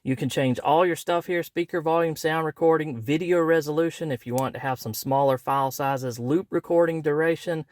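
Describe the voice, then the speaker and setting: A man's voice: on the high side, steady tone, fairly quick, few pauses, darkish tone, no echo, clean studio sound. A man reviewing a product, talking through its setup in a folksy, conversational way. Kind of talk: casual product review demo.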